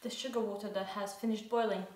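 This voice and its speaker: Speaking fast in a medium-pitched, fairly level voice, a young woman vlogs from her homestead kitchen, chatting and fixing her own slips as she works. The background is noisy, with echo and clattering dishes.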